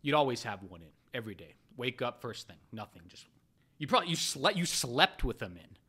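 A man talks casually and bluntly about his own bad habits, swearing freely. His voice is bright and forceful, at an ordinary pitch for a man. He swings between loud, animated bursts and quiet, muttered asides. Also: brisk, slightly rough. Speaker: poker player vlogger. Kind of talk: casual storytelling monologue.

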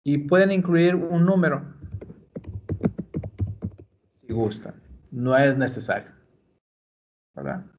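This library screencast features a man from Mexico patiently walking through computer steps, slowly and in order. His voice is a bit high, darkish, and animated. Slight background noise sits under the dull, lo-fi audio.

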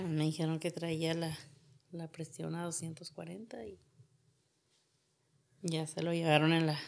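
A woman's voice: deep voice, vocal fry. A woman, a podcast guest telling a painful personal story and retelling what everyone said. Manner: retells events with much reported dialogue.

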